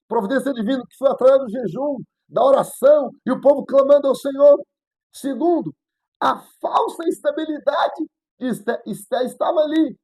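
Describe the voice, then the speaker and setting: Husky, gravelly Brazilian woman teaching. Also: a little high, poor audio. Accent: Brazilian Portuguese. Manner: animated storytelling, repeats phrases. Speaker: Bible lesson teacher. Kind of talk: Sunday school Bible lesson.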